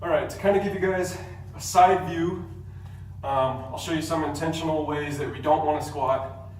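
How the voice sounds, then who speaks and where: A man coaching a workout from across a very echoey room, his voice sitting fairly high for a man. He calls out positions in short, clipped cues, breathing hard between moves. The mic is well away from him, with a faint hum behind. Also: steady tone, normal speed, darkish tone, far from the mic. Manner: cueing steps in short commands. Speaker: fitness instructor. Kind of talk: workout tutorial.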